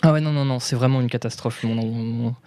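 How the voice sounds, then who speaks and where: A man from France hosts a relaxed chat. His voice has a middle pitch, is recorded close and dry, and he jokes around with nervous quick asides. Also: dry recording. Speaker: host. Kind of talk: casual chat.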